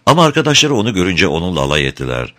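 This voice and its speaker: A man narrating a fairy tale in an expressive, scripted storytelling style. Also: deep voice, very fast.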